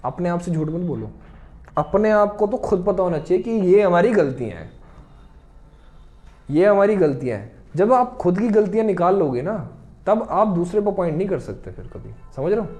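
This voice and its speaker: A high-pitched man gives a motivational classroom talk to exam students. He talks in a lively way, keeps asking the class questions and acts out their excuses in quick little voices. His delivery swings between punchy and soft. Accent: Hindi-speaking North Indian. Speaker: nursing exam teacher.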